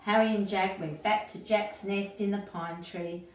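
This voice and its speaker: Her mid-range voice stays steady and unhurried as she reads a children's book aloud with feeling, teacher-style, asking her young audience questions. Picked up by a distant mic, the sound has roomy echo and faint noise.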